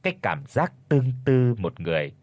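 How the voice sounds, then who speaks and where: Husky, expressive male story narrator. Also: medium pitch, a little fast, dry recording. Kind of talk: audiobook narration.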